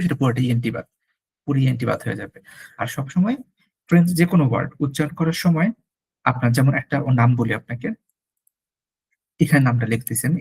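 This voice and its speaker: A man's voice: mid-range voice, darkish tone, husky, low-quality recording. A man tutoring French one-on-one, mixing in English words and spelling words out letter by letter. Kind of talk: one-on-one language lesson.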